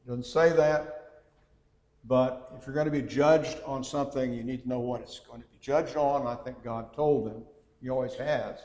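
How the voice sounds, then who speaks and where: A man in a large church hall teaches scripture in an easy, conversational way, pausing with "uh" and correcting himself as he thinks aloud. His mid-range voice carries a long, roomy echo. He reads verses aloud with added emphasis. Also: medium pitch, steady tone, a little mellow. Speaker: preacher teaching a Bible class. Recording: echoey hall with long reverb.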